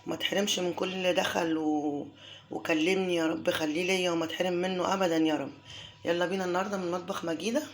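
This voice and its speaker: Hoarse Egyptian woman cooking host. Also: lowish voice, fairly even intonation, fast, a little hiss or hum. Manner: affectionate, showers viewers with blessings. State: hoarse from a cold. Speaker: home cooking channel host. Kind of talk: casual cooking tutorial.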